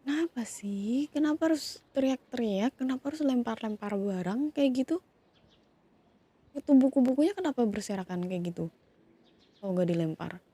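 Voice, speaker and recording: Soft-scolding woman, whispered role-play. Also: fairly high pitch, animated, moderate pace, slightly rough. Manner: scolding yet soothing, questioning. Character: woman calming partner and his younger sibling fighting. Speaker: ASMR roleplay creator.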